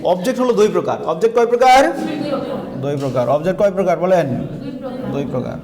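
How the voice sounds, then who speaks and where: A man's voice: sits high, expressive, brisk, crowd noise. A man with a Bangladeshi Bengali accent teaching a grammar lesson in a school classroom, asking the class questions and repeating their answers. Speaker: English teacher.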